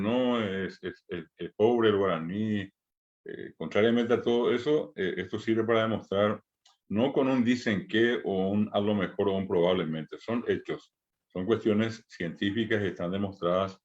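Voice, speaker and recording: A middle-aged man teaches a language class online, speaking in a fairly low voice. He explains patiently, stops to repeat each sound slowly, and fills the pauses with drawn-out hesitations. The audio is dull and lo-fi, like a streamed lesson. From Paraguay.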